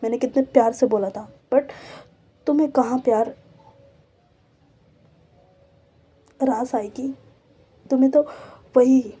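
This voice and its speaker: A bossy senior college girl with a quick temper, commanding and scolding the younger students, as a woman storyteller puts her on. The voice is dark and mellow, pitched a little high. It is delivered as a spoken storybook character. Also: fairly even intonation, slightly rough.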